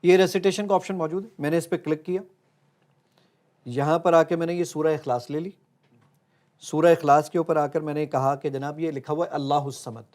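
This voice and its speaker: A man's voice: fairly high pitch, steady tone, darkish tone. A man with a slightly raised voice talks in an earnest, explaining way. He is the founder of a tech app, guesting on an interview show and walking the host through a live demo one step at a time. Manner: earnest, explains step by step while showing a phone.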